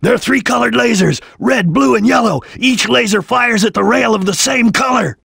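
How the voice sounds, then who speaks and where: A serious ninja chameleon from a video game. The voice is heavily husky and breathy, recorded close and dry. The delivery is solemn, terse and watchful, with a disciplined formality. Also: male voice, very high voice, normal speed, fairly bright tone, dry recording, full character voice. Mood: urgent, alert. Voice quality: husky, gravelly. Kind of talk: English video game voice acting.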